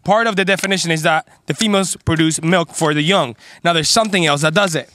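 A man's voice: on the high side, quick pace, pushed and bright, slight background noise. A young man co-hosting a podcast outdoors by a river, arguing insistently into a handheld mic and repeating himself. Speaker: podcast co-host. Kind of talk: casual argumentative chat.

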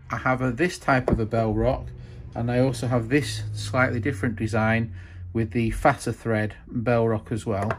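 A man's voice: medium pitch, slight background noise. A man casually narrating a show-and-tell of old tools in his workshop, rambling with frequent ums and asides. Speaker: tool collector vlogger. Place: workshop, hands over a wooden bench.

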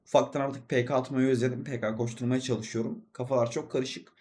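A man's voice: mid-range voice, steady tone, brisk, darkish tone. A young man casually commenting over his gameplay, rambling and chatty as he talks straight to his viewers. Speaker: gaming video host and streamer.

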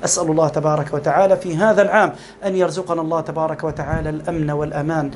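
A male Egyptian preacher with a high voice, delivering a fervent sermon at a rapid clip. He keeps calling out to his listeners as beloved brothers. A faint hiss of noise sits under the recording. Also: fairly even intonation. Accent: Egyptian Arabic.

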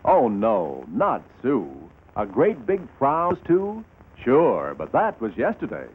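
A man's voice: medium pitch, huge pitch swings, takes it slowly, breathy edge. A man narrating a scripted vintage commercial like a reassuring salesman. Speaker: commercial announcer. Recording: tinny, noisy old commercial soundtrack.

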